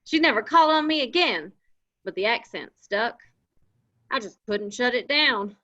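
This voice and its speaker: A woman's voice: a little high, animated, normal speed, bright, forceful tone. A woman reading the part of an anxious young man who talks in a folksy cowboy drawl, in a live script reading. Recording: dull lo-fi audio.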